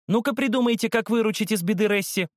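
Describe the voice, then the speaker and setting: A man's voice: high voice, fast talker, dry recording, clean studio sound, voice pushed up, lightly acted. A man voicing a bossy eighth-grade girl who scolds the boys scornfully.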